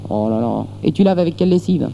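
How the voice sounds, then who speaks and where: A man's voice: a little high, expressive, fast, vocal fry, warm tone, highs cut off, a little hiss or hum. A man hosting a call-in radio show, mocking and insulting the callers in crude banter. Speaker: radio host.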